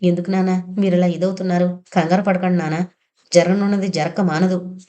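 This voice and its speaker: A woman voicing a gentle young daughter who soothes her father in a soft, consoling way. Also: on the low side, level tone, fairly quick, close to an everyday voice.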